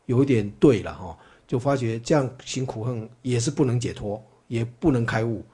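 Husky man giving a chatty dharma talk. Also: mid-range voice, moderate pace, dark tone. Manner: chatty, full of fillers and rhetorical questions. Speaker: Buddhist teacher. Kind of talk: dharma talk, storytelling lecture.

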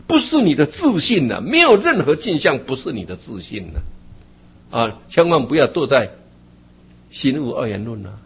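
A man giving a Buddhist dharma talk, who keeps asking his listeners "right?" and ends his phrases with drawn-out particles. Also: mid-range voice, vocal fry, husky, highs cut off. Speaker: Buddhist teacher.

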